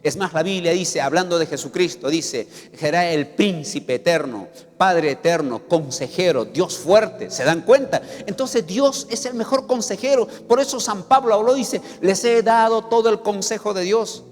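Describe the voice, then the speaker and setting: A man's voice: normal speed, few pauses. A male pastor preaching a sermon, emphatic and acting out little scenes. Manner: emphatic preaching, sweeping pitch, acts out scenes. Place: church hall. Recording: reverberant church hall with faint music.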